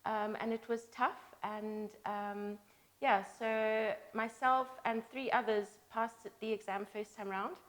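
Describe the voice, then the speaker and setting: A woman's voice: a little high, little pitch movement, takes it slowly. A young woman from South Africa, a sommelier, answering interview questions hesitantly with many fillers. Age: young adult.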